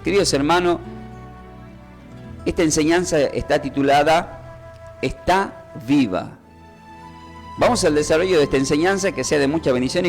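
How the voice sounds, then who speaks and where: Male preacher, mid-pitched, teacherly radio Bible lesson, faint music under the voice. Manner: teacherly, asks and answers own questions; repeats words slowly when explaining.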